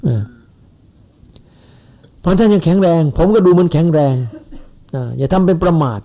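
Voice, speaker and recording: A man's voice: sits high, lively intonation, moderate pace. A man in his seventies giving a rambling, folksy Buddhist sermon to followers. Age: 70s. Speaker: Buddhist teacher. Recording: lo-fi dull recording.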